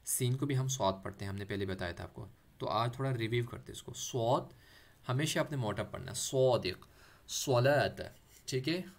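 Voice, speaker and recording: A man teaches the Arabic letters for Quran reading at an unhurried pace. He repeats each letter patiently and stretches out recited phrases. His voice sits in an ordinary middle pitch and drops English words into his teaching. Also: gravelly. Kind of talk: letter-by-letter tajweed lesson.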